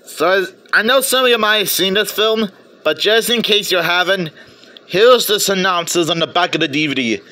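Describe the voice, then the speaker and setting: A man's voice: sits high, moderate pace, bright, forceful tone. A man chatting playfully as a movie reviewer in a casual video review, stumbling over words now and then.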